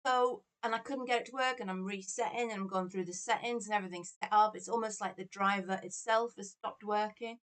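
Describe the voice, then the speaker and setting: A woman's voice: medium pitch, steady tone, brisk, hardly any pauses, fairly bright tone. A woman talks casually to her livestream audience at home, rambling cheerfully and poking fun at herself. Her voice comes through a plain laptop microphone at her desk. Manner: chatty, self-deprecating rambling. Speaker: tarot reader and livestream host.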